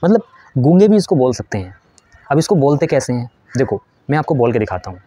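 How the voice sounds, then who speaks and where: A man's voice: medium pitch, sing-song, a little fast, warm tone. A man giving a patient spiritual lesson. He explains step by step, asks questions and answers them himself, and shows how to chant. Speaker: spiritual teacher.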